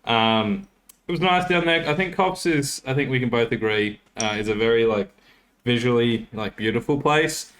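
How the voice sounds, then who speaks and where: A young Australian man co-hosts a podcast, chatting casually and rambling while often correcting himself. His voice is mid-range and a bit bright, at a normal speed.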